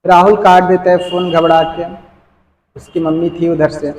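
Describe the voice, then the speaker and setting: A man's voice: fairly high pitch, level tone, normal speed, darkish tone, reverberant, low-quality recording. A man with a Bhojpuri-region Hindi accent telling a story in a plain, chatty way. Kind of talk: casual spoken storytelling.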